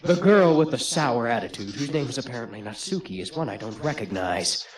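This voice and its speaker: A man hosting a let's play, reading the game's text aloud in an expressive way. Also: medium pitch, brisk, a crowd in the background. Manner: expressive, often laughing between lines.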